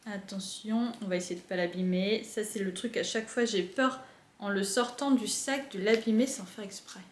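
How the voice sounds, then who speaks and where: A young woman casually chatting as she unboxes books at home, gushing with excitement and using lots of fillers. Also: mid-range voice, moderate pace, a little hiss or hum. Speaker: book unboxing vlogger. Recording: echoey room.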